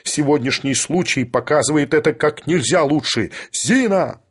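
A man's voice: medium pitch, animated, normal speed, breathy edge. Man doing an imperious old professor. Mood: thundering. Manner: ironic, thundering, lecturing. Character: imperious, irascible older male professor. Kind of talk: audiobook character voice.

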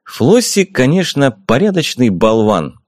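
A man voicing an honest, stiff-mannered knight who speaks in an earnest, measured way. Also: medium pitch, sing-song, a little mellow, dry recording, studio quality.

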